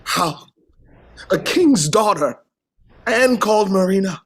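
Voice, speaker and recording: An actor playing an anguished, long-suffering king in classical verse, with a theatrical, halting delivery that swings between hush and outcry. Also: high voice, animated, slightly rough, heavily acted. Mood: anguished disbelief. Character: grief-worn, long-suffering king, anguished, hoping and doubting. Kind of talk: classical verse stage acting.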